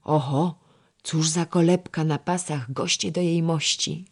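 A narrator voicing a sharp-tongued young lady-in-waiting who speaks shrilly and mockingly, in a historical storybook. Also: mid-range voice, steady tone, measured pace, slightly rough, pitched above the performer's own voice. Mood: excited.

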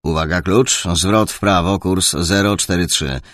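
A man reading a calm young squadron leader who gives clipped radio orders in an audiobook. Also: deep voice, unhurried, dry recording, studio quality. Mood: commanding.

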